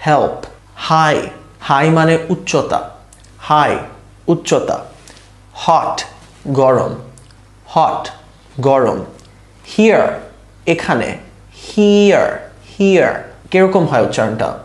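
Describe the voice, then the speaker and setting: Bangladeshi guy teaching english words, says each one over and over, slightly high voice, echoey room. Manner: repeats each word slowly, asks the listener to repeat. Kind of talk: vocabulary lesson for Bengali speakers.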